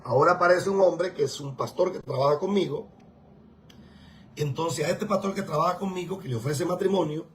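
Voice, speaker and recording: A man's voice: fairly high pitch, a little hiss or hum, rough recording. A man preaching a sermon as a pastor, emphatic and scolding. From Venezuela.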